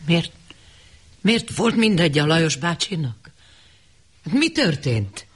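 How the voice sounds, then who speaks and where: Man doing an old mother, husky, anxious, pleading, pitch all over the place. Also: big pitch swings. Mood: worried. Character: worried elderly mother.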